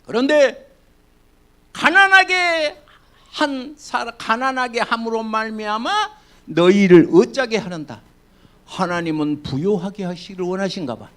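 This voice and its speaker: High-voiced older pastor with a Jeolla accent. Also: male voice. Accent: Jeolla Korean. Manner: dramatic swings between loud declaiming and hushed asides; folksy, colloquial storytelling. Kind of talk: sermon.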